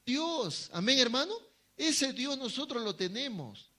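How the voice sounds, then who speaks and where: A man's voice: very high-pitched, very animated, a little slow, sharp tone. A man preaching a sermon to his congregation, asking them questions and answering them himself, sometimes acting out short quoted voices. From Bolivia. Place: church hall.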